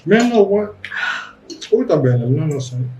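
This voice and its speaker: A man's voice: a little high, sing-song, a little slow, warm tone. A man with a Caribbean accent bantering casually during a food challenge, teasing and boastful. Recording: roomy, distant mic, faint background noise.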